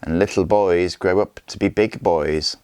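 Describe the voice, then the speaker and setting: A cruel Viking warlord, smug and mocking as he talks, as a man puts him on. The voice stays low and close, near the reader's own, in a dry recording of a storybook reading. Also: steady tone, a little slow, a little mellow, smooth, no echo.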